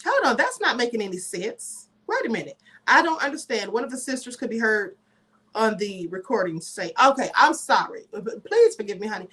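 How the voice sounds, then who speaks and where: A woman's voice: mid-range voice, a bit bright. A woman hosting a live commentary stream, reading news aloud with emphatic, chatty asides.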